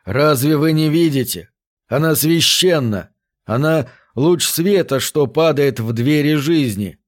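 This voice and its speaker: A man's voice: on the high side, a little slow, voice pushed up, close to an everyday voice. A man voicing an earnest, conscience-stricken male astronaut who pleads with his crew in an audiobook. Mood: pleading.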